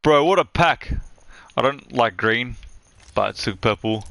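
Young man, live-stream commentary, bright tense voice, headset mic. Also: medium pitch, a little slow, vocal fry, no room sound. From Australia. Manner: excitable, chatty, reacts loudly to loot.

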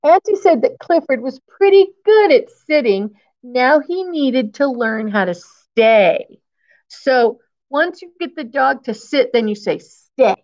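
Her voice sits high and sounds animated as she reads slowly. This woman in her fifties shares a picture book with young children in a school classroom, repeating key phrases and explaining simply like a teacher, on a lo-fi recording.

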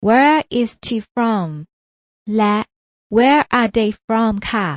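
Woman teacher, lesson narration; friendly, encouraging, slightly high, dry studio sound. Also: extremely slow, no echo. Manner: polite, encouraging, addresses viewers as friends. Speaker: English teacher.

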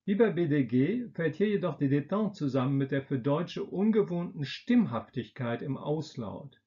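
A pronunciation teacher leading a slow drill, saying each word twice with careful, deliberate articulation. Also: mid-range voice, animated, dark tone. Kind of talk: slow pronunciation drill, words spoken in pairs. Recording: dull lo-fi recording.

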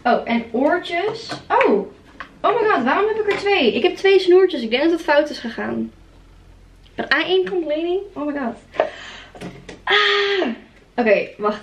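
A young woman chatting casually in a vlog from her bedroom, gushing and excited, talking to a handheld camera. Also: a little high, a little hiss or hum. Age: young adult. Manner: excitable, gushing, exclaims often. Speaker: vlogger. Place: bedroom at home. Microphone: handheld camera at arm's length.

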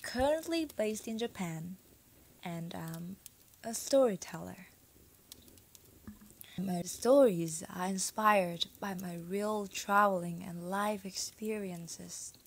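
A young woman from Vietnam telling a travel story to camera, soft and breathy, often dropping to a whisper. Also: mid-range voice, slow pace, poor audio. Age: 20s. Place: small indoor room, decorated set.

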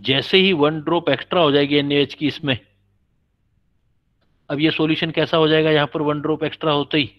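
A man's voice: on the high side, steady tone, fairly quick, pauses often. A man teaching a chemistry class, patiently explaining and quizzing his students. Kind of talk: classroom lecture. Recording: dull lo-fi recording.

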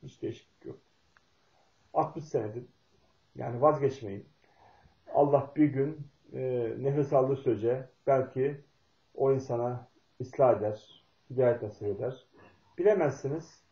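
A middle-aged man from Turkey telling a folksy, meandering family story with pauses and fillers. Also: medium pitch, echoey room, dull audio. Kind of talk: spoken talk with personal storytelling.

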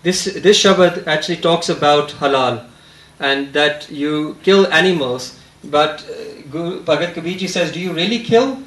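A man's voice: on the high side, a little slow, fairly bright tone. A man with a British accent giving a religious lecture, asking rhetorical questions and explaining passages he reads aloud. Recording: echoey lecture room.

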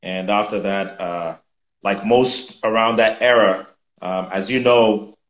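A man in his fifties from Nigeria, a guest speaking in a measured, reflective way with many fillers over a video call from a room at home. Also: lowish voice, steady tone, reverberant, dull audio. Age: 50s. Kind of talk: conversational interview.

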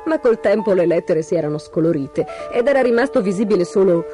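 A woman reading a children's storybook aloud, expressive and animated. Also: mid-range voice, fast talker, over music.

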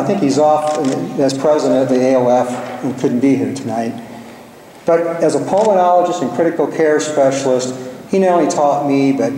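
A male physician giving a formal memorial lecture, telling stories in a measured, deliberate way. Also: medium pitch, mellow, slight background noise. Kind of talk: formal ceremonial speech with anecdotes. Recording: echoey hall, far from mic.

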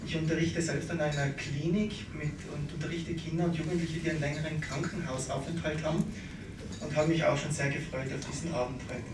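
A man's voice: a little high, fairly even intonation, brisk. Light-voiced man teacher, echoey hall. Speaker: teacher at a hospital school. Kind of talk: round-table self-introduction. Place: large wood-panelled hall indoors. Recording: echoey hall, camera far off, hiss.

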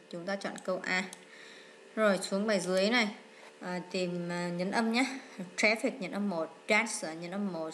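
Woman, teacher, exam walkthrough lesson, mid-range pitch, hesitant fillers, step-by-step explaining, faint background noise. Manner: reads English words aloud then explains in short steps; frequent hesitant fillers and self-corrections. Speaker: English teacher.

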